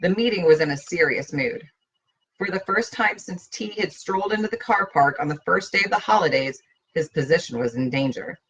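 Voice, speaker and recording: A woman host reading a short story aloud with expressive storytelling. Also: lowish voice, brisk, breathy edge, muffled recording.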